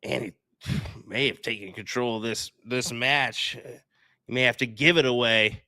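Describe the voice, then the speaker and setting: A man's voice: mid-range voice, moderate pace, sharp tone, no echo, studio quality. A man calling a darts match live, upbeat and playful. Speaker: darts commentator. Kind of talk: live sports commentary.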